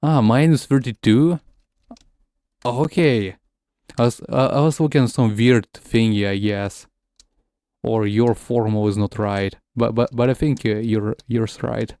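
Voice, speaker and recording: A man's voice: mid-range voice, fairly even intonation, measured pace, dark tone, no echo, studio quality. A man whose first language is Russian, chatting casually while streaming a game, often stumbling and repeating words. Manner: switches between English and Russian. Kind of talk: casual gaming stream chat.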